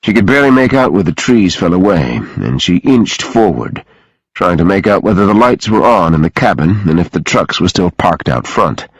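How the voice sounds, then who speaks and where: A man narrating an audiobook in an expressive, dramatic reading style on a close studio mic. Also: sits low, moderate pace, husky, no echo, low-quality recording.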